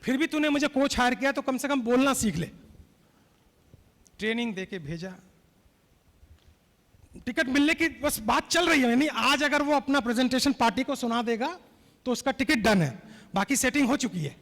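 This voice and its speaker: A man's voice: very high voice, expressive, normal speed, long pauses, fairly bright tone. A male keynote speaker telling anecdotes and urging the audience to respond. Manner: storytelling, prompts the audience to respond. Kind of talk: motivational speech. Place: convention hall. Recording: hall reverb.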